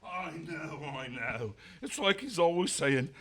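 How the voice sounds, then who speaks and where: A man's voice: fairly high pitch, animated, slow pace, slightly rough, exaggerated voice. A man playing a boisterous, slobbish, ranting friar in a comic radio play. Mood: grumbling. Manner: blustering, shouting. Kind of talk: radio-play comedy acting.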